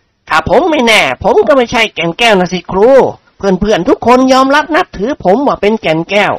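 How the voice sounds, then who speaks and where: A man's voice: sits high, lively intonation, fairly bright tone, no room sound, pitched above the performer's own voice. Man doing an insolent young ruffian student. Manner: slow, teasing and impudent.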